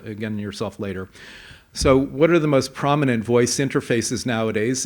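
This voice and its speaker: Man giving a conference talk. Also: lowish voice. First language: English. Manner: frequent fillers, measured explanatory delivery. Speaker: conference speaker. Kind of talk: conference presentation. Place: conference hall.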